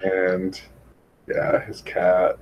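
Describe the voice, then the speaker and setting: A young man in casual chat, rambling and animated as he retells things, heavy on "like". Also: low voice, extremely slow, dull audio, a little hiss or hum.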